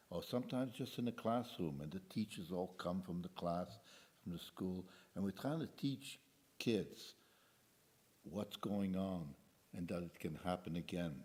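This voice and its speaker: An older man with a deep, low voice gives a talk at a commemoration as a guest speaker. His tone is dark and mellow. He speaks haltingly, repeating words and restarting his sentences as he goes. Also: expressive. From Belgium.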